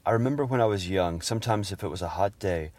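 A middle-aged man fondly narrating humorous family memories in a gentle storytelling manner. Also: low voice, fast talker, dry recording. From Houston, Texas area. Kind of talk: personal memoir narration.

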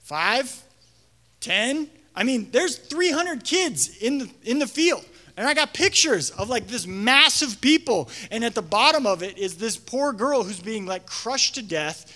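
A young man, a pastor, giving a casual storytelling sermon in an animated way, full of filler words. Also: extremely high pitch, a little slow. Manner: animated, frequent fillers, acts out quotes.

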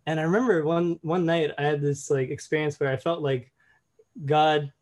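A man's voice: fairly high pitch, steady tone, normal speed, darkish tone. A young man casually and reflectively sharing a personal story, often saying "you know".

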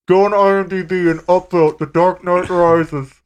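Man, from Canada, podcast guest, deadpan, stiff formal delivery, echoey tunnel sound, fairly high voice. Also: normal speed, clear, resonant tone, highs cut off. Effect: echoing, as if talking in a tunnel. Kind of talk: comedic podcast banter.

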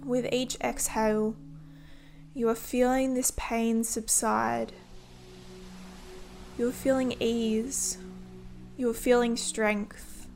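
A woman leading a guided body-scan meditation in a gentle, soothing manner, giving instructions in short, unhurried phrases. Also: on the high side, little pitch movement, creaky, soft background music.

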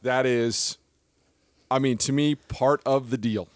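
A man co-hosting a podcast in casual chat, animated and quick to laugh at himself. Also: mid-range voice, no room sound. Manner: animated, laughs often, self-deprecating. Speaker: podcast co-host.

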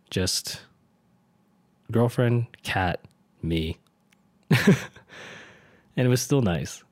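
A man's voice: lowish voice, darkish tone, dry recording. A man in his late twenties talking through his year in a reflective, rambling monologue, earnest and often laughing. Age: 20s. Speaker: vlogger. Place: home in a city.

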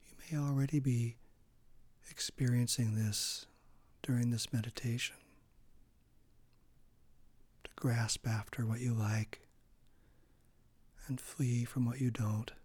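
Slow, calm man guiding meditation. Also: medium pitch, dry recording. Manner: slow, calm, with soft breathy trailing phrases. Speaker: meditation guide. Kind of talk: guided meditation.

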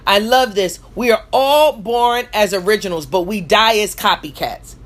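A woman's voice: medium pitch, normal speed. A woman coach giving an emphatic, exhorting motivational speech with repeated refrains. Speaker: motivational coach and show host.

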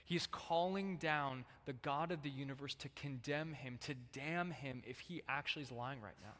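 A man preaching a sermon in a casual, conversational way, acting out quotes with lively shifts of voice. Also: mid-range voice, moderate pace. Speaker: pastor. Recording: hall reverb.

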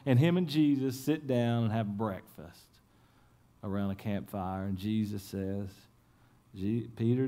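A pastor giving an Easter sermon, retelling scripture scenes in lively, casual storytelling and speaking straight to the congregation. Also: male voice, medium pitch.

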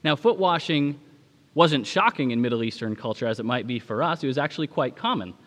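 A man delivering a sermon as a pastor, speaking in a measured, preaching manner with dramatic pauses. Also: medium pitch, animated, fairly bright tone, big-room sound.

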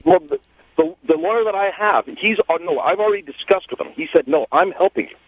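Older guy calling radio show, highish voice, bit hesitant, thin phone audio. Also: expressive, a little fast, dry recording. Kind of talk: phone conversation on a call-in show. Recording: tinny narrowband phone line.

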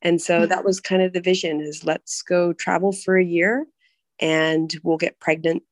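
A woman in her thirties from California, telling her story as a podcast guest in a relaxed, chatty way. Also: fairly low pitch, normal speed, dry recording. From California, USA. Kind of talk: personal storytelling interview.

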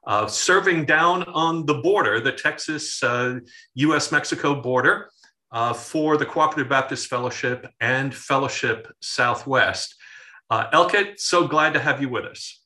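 A man who hosts the program and is a pastor, introducing and questioning a guest in a measured way with frequent fillers. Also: on the high side, pushed and bright. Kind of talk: interview hosting.

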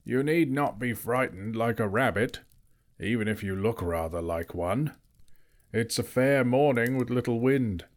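A man voicing a proud, gently teasing great male eagle in a storybook reading, with a lofty, slightly distant delivery. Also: medium pitch, a little slow, natural voice.

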